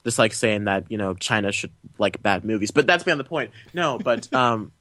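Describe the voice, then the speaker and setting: A teenage boy co-hosting a movie podcast, excitable and full of restarts and laughs. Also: lowish voice, normal speed, dry recording. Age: teens. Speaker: podcast co-host. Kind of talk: casual chat.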